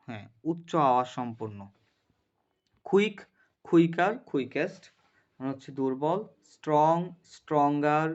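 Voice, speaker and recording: A male teacher leads a grammar class, slowly drilling word lists and often checking that the students follow. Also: mid-range voice, clean tone. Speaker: English teacher. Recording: muffled lo-fi classroom recording.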